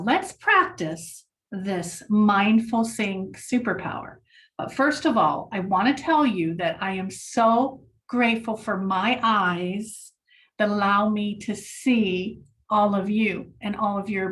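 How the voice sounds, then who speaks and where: A woman leading a children's mindfulness lesson, speaking gently and encouragingly to the class. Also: medium pitch, far from the mic.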